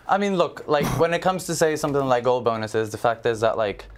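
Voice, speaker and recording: A young Israeli man, a football agent appearing as a studio guest on a TV panel, explains things earnestly with plenty of fillers. His medium-pitched voice is expressive and brisk, and the setting is a large TV studio.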